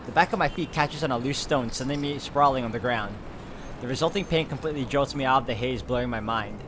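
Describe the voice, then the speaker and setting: Here a male let's player narrates a visual novel and slips in personal remarks, backed by game music. His mid-range voice goes fast over a noisy background.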